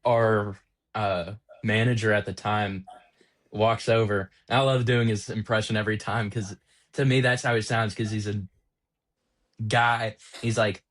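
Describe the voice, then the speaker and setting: A man's voice: fairly low pitch, fairly even intonation, measured pace, fairly bright tone. A young man hosting a podcast, telling a casual story in a rambling way with lots of filler words. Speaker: podcast host.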